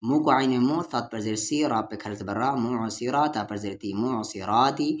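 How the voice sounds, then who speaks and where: A man's voice: medium pitch, normal speed, slight background noise. A man with an Urdu-Hindustani accent teaching Quran reading, patiently spelling out syllables and drawing out the vowels. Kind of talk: letter-by-letter recitation lesson.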